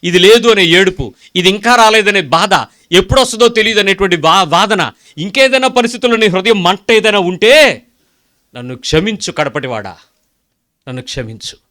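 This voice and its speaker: A male preacher delivering a sermon with a forceful, bright tone and a slightly raised pitch. He presses his points with rhetorical questions and acts out prayers and dialogue as he talks. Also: a little fast. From India.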